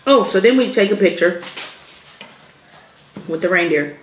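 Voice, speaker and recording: Young woman vlogger, animated exasperated storyteller, roomy echo, faint background noise. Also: lowish voice, a little slow. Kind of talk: casual storytelling while eating. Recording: echoey room with faint noise.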